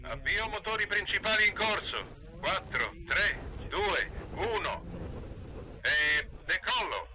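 A man with a very bright, high voice heard over a radio link from mission control. He calls out the countdown and status in brisk, announcing tones. A faint hiss sits under the transmission. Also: expressive, low-quality recording. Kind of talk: dubbed archive launch commentary.

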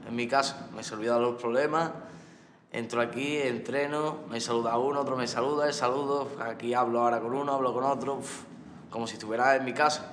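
A man who trains at a boxing gym, speaking plainly and haltingly in an interview. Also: mid-range voice, roomy sound, slight background noise. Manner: plain, halting, flat-toned. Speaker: boxer at the gym. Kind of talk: documentary interview.

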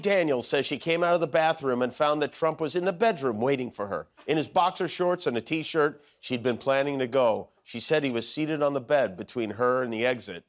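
A man's voice: mid-range voice, brisk, hardly any pauses. A male late-night comedy host delivering a monologue with wry, punchline-driven jokes. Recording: noisy broadcast clip.

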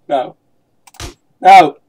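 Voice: extremely slow, a little mellow. A speaker with a Dutch accent, commentating casually on a video game, joking and laughing often. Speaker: gameplay commentator. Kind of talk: casual gaming banter. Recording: game music playing behind.

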